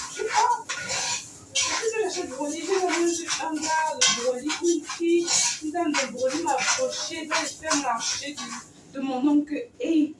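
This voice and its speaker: Chatty woman vlogging in an echoey room. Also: sits high. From Cameroon. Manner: chatty, rambling, self-correcting. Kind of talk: casual chat to camera. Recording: echoey room, far from mic, noisy.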